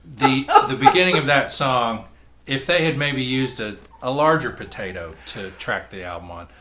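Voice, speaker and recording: Casting: bright, forward male voice, jokey nitpicking critic. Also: medium pitch, animated, normal speed, slight background noise. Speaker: podcast guest. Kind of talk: casual podcast chat.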